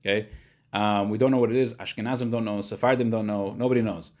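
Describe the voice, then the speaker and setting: A man giving an informal lesson as a rabbi, explaining in plain, casual words and often pausing to search for the next one. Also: on the low side, fairly even intonation. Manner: hesitant, searching for words, thinking aloud; casual, plain-spoken, simplifying. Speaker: rabbi teaching a class.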